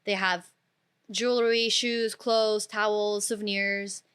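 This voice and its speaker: Podcast guest: young woman from Portugal, medium pitch, relaxed conversational storytelling. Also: unhurried, clear, resonant tone. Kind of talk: casual chat, telling personal anecdotes.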